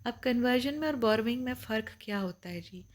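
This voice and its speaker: A woman teaching English vocabulary in a lecture, patiently explaining each point twice and reading the English definitions slowly. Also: fairly high pitch, lively intonation.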